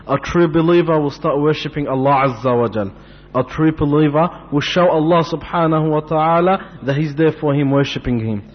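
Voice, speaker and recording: A man's voice: medium pitch, slight background noise. A man preaching a fervent sermon in a mosque, building to impassioned pleading. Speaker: imam giving a mosque talk. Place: mosque hall. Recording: long hall reverb, dull lo-fi sound.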